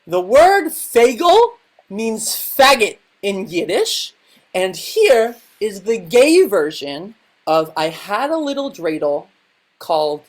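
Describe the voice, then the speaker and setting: A woman doing stand-up comedy with a slow, wry delivery and a sung parody. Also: mid-range voice.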